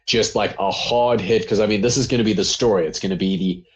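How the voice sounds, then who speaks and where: A man's voice: on the low side, steady tone, quick pace. A man co-hosting a casual wrestling review podcast, rambling with lots of fillers and laughs. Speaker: podcast co-host.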